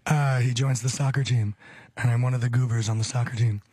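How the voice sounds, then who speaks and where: A man's voice: mid-range voice, steady tone, fairly quick, a little mellow, husky, no echo. A man in his thirties from Hollywood, California, chatting as a radio show guest, rambling and repeating phrases with frequent chuckles. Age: 30s. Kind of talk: casual radio chat.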